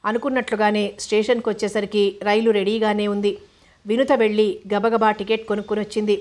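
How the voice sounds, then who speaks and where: A woman narrating an audiobook novel in a steady, unhurried reading. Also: medium pitch.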